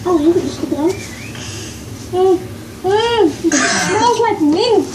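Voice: very high voice, animated, slow pace. A giggly, chatty vlogger talking casually while speaking through a gas mask. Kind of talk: casual chat. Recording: echoey room with background noise.

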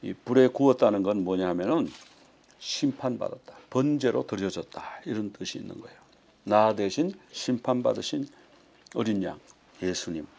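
A man's voice: fairly low pitch, lively intonation, normal speed, vocal fry, darkish tone, husky. A male pastor teaching a sermon, telling the story with frequent rhetorical questions. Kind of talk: sermon teaching on a Passover meal.

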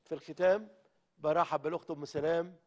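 A man with an Egyptian accent, a pastor preaching a televised sermon and leading a prayer, fervent and pleading, moving between loud appeals and hushed prayer. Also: fairly high pitch, steady tone, quick pace. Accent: Egyptian Arabic.

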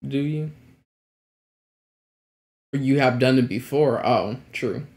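A man's voice: medium pitch, slow pace, a little mellow. A man in his twenties giving casual reaction commentary in a slangy, exclamatory way. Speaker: reaction video host. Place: small indoor room at home.

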